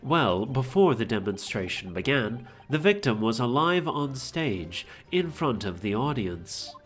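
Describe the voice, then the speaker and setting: A man's voice: mid-range voice, big pitch swings, measured pace, fairly bright tone, soft background music. A man putting on a stiff robot voice with a wavering British lilt. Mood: mechanical. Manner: put-on robot voice drifting between British and American. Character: robotic-voiced male witness in a game. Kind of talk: playing a game and voicing its characters.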